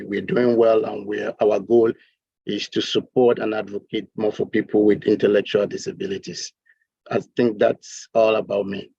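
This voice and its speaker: Nigerian-born man in his middle years, low and flat, husky; hesitant interview guest, muffled dry audio. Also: no echo. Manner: halting, repeats himself. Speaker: guest, political candidate. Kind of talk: interview answers.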